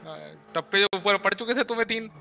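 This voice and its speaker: A man's voice: sits high, fast, pushed and bright, a little hiss or hum. A man taking part in a role-play game, chatting and teasing back in character. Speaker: fellow role-play player. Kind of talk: casual in-character game chat.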